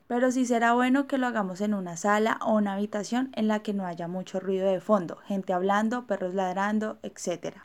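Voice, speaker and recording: A woman co-hosting a podcast lesson, giving clear information and asking guiding questions. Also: medium pitch, a little mellow, a little hiss or hum. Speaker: podcast co-host.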